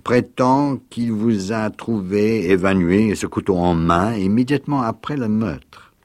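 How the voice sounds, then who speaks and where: An imperious young woman from a storybook reading, played by a man raising his voice. She speaks gravely and commands. The delivery is slow and the room dry. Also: fairly low pitch, darkish tone, dry recording, lightly acted. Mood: commanding.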